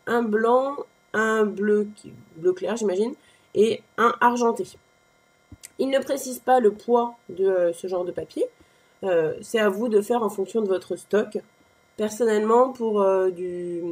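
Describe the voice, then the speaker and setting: Woman, craft tutorial host, husky, fairly high voice, casual explanatory walkthrough. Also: a little mellow. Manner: explanatory, frequent "euh" fillers, conversational. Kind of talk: screen-recorded software walkthrough.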